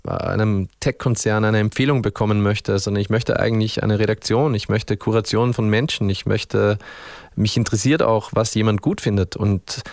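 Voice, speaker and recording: Austrian frontman, low voice, dry studio sound, talks in restarts. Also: dry recording. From Upper Austria. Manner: thoughtful, searching for words, many restarts. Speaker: band frontman, guest. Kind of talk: radio interview.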